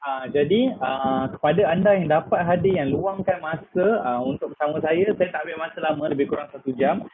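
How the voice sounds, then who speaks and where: A man's voice: fairly high pitch, brisk. A man in his thirties with a Malaysian Malay accent, giving a chatty live product talk full of "ah" fillers and English words. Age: 30s. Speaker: product presenter. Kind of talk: live online sales talk. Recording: tinny phone-like line with faint noise.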